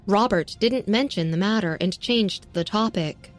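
A woman narrating a serialized audio story in a steady, even reading. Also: mid-range voice, unhurried, faint music behind.

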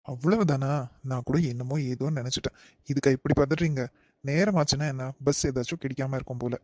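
A man's voice: medium pitch, brisk, dry recording, studio quality, natural voice. A man voicing an easygoing, teasing young man in a family cartoon, speaking with a Kanyakumari Tamil accent. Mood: calm, teasing. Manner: calm, brushes off worry. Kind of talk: cartoon voice acting.

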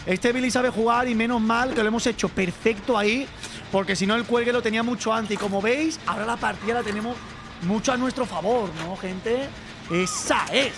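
A young man from streaming a game, chatting to viewers and shouting and swearing at the action. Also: extremely high pitch, fairly quick, noisy background. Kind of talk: live gameplay commentary.

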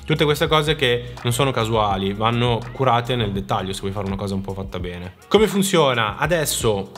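A man's voice: medium pitch, expressive, normal speed, a bit bright, faint music behind. A man talks informally to his viewers as a video creator, explaining things step by step in colloquial words. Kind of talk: casual explanatory vlog talk.

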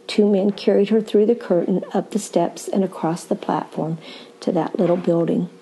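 An older woman evangelist teaching in a slow, deliberate podcast sermon, with occasional fillers. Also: on the low side, fairly even intonation, mellow, a little hiss or hum, low-quality recording.

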